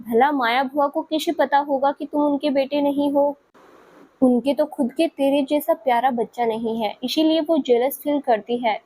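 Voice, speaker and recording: A woman's voice: high voice, steady tone, moderate pace, mellow, lightly acted. A woman voicing a caring household auntie comforting a child in a spoken story. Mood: soothing. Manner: soothing, affectionate.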